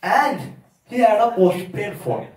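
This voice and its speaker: A nervous amateur comedian from Kerala, India, does halting open-mic stand-up storytelling in Malayali-accented English before a small audience at a live venue. His high voice swings widely in pitch, he speaks slowly, and he rambles and doubles back on his words. He sounds far from the mic in an echoey room.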